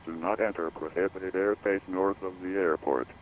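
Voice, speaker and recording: Deep male airport weather broadcast voice. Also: normal speed. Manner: flat, repetitive automated readout of weather and runway notices. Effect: radio broadcast of automated airport information. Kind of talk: recorded airport weather and runway information broadcast. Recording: dull lo-fi radio feed with faint hiss.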